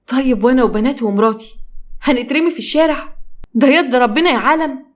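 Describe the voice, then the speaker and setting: A woman's voice: on the high side, fast talker, natural voice. A woman voicing a poor village father pleading with his creditors, in an Egyptian accent. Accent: Egyptian Arabic. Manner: pleading, anguished. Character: desperate poor middle-aged village father.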